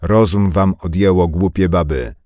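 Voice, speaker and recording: A man voicing a stern older village carpenter in an audiobook, with a sharp, commanding, loud delivery. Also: sits low, animated, moderate pace, no room sound, clean studio sound, pitched above the performer's own voice. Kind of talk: audiobook character voice.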